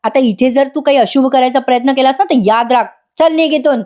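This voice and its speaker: A woman voicing a protective young woman who scolds in a sharp tone, in a retold serial scene. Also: sits high, fairly quick, lightly acted. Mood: scolding.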